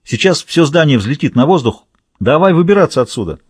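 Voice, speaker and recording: In an audiobook thriller, a cunning male prisoner fakes a meek, pleading tone, then breaks into frantic, high-pitched cries, as a man reads him. The voice is husky and dry, lifted well above the narrator's own. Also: very animated, fairly quick, darkish tone, no echo. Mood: frantic shouting. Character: cunning male prisoner, a cold killer faking meekness. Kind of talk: audiobook character voicing.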